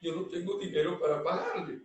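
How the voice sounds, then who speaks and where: A man acting out an anxious young factory worker pleads in a subdued, slightly high voice. The recording is distant and swims in heavy room echo. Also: fairly quick, a little hiss or hum, natural voice. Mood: pleading. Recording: echoey room, distant mic.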